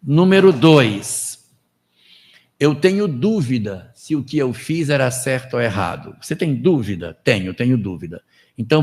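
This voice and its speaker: A man with a Brazilian Portuguese accent gives a spiritist lecture in a conversational style. His voice is gravelly and sits in a middle pitch. He steps into quoted inner thoughts and checks in with little tag questions. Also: dark tone.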